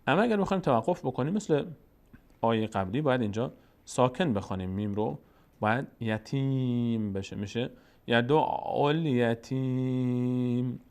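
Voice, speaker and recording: A man with an Afghan Dari accent teaching how to read Quranic letters, patiently repeating syllables slowly and drawing them out. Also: medium pitch, animated, a little mellow. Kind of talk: slow step-by-step recitation lesson.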